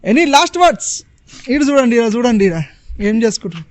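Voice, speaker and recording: Young male prank-vlog host, excitable, pitched high. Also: moderate pace, background noise. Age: young adult. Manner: teasing, excitable. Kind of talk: casual prank commentary.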